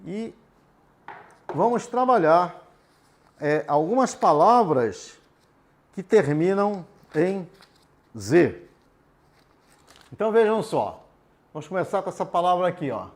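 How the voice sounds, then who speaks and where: Lively man teaching literacy. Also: sits high. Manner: patient, explains slowly with checks like "tudo bem?". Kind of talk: adult literacy lesson at a board.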